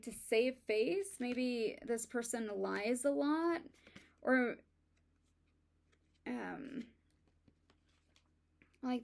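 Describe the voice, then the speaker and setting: A woman giving a casual tarot reading, talking in a halting way with many fillers and restarts. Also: on the high side, vocal fry. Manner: halting, many ums and likes, self-admitted stuttering. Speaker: tarot reader.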